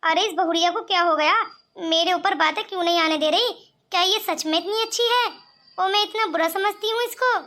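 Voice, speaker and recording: Older bossy mother-in-law, cartoon, a woman voicing her, very high bright voice. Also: brisk. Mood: scheming. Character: older mother-in-law, sharp-tongued turned kind. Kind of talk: cartoon voice acting.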